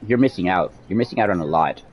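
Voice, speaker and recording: A man chatting casually with viewers and a friend while streaming a video game, greeting chatters loudly and rambling between moves. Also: low voice, quick pace, a crowd in the background. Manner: animated, loud greetings to chat viewers. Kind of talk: casual gaming stream chat.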